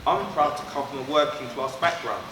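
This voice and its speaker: A man's voice: medium pitch, brisk. A man from London, born in Trinidad, leading a school assembly and speaking earnestly and directly to pupils. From born in Trinidad, raised in London. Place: school hall. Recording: echoey hall, far from mic, background noise.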